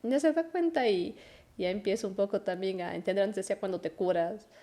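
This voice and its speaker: Animated woman telling personal stories. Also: mid-range voice, brisk. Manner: animated, acts out her child's voice with laughs. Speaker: podcast guest. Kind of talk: conversational storytelling.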